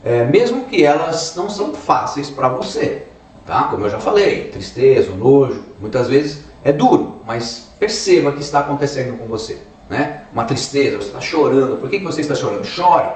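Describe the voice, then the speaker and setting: A man's voice: mid-range voice, very animated, normal speed, darkish tone. A man with a Brazilian Portuguese accent giving a self-help talk, explaining step by step and tagging his sentences with "tá?" and "né?". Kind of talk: motivational talk to camera. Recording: echoey room, mic at a distance.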